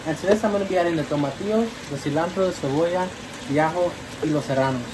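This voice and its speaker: A man's voice: a little high, fast. A man hosting a casual cooking tutorial at home, chatty and encouraging as he talks straight to viewers. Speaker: cooking channel host. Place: home kitchen. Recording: noisy kitchen with frying sounds. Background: food frying.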